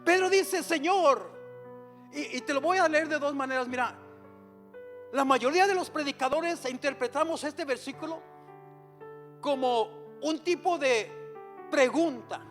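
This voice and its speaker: A man's voice: very high voice, measured pace, long pauses, fairly bright tone, faint music behind. A man, a pastor, preaching a sermon in church with impassioned delivery, often acting out prayers aloud.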